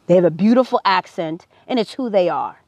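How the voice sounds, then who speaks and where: She's a live-stream host from the United States, addressing viewers head-on with emphatic, preachy social commentary. Her fairly low, slightly mellow voice is animated and a little fast, and the dull lo-fi recording is dry with no room sound.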